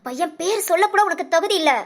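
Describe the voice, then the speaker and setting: A woman's voice: very high voice, a little fast. A woman voicing a harsh, domineering rich mother who hurls insults. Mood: scornful. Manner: shouting insults, contemptuous. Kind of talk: storybook voice acting.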